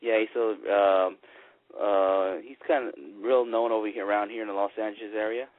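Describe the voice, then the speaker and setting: Laid-back male co-host, lowish voice, dry and tinny phone-like sound. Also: steady tone, normal speed, no echo. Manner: laid-back, laughs easily, hesitant with fillers. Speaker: radio show co-host. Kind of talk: casual wrestling talk radio.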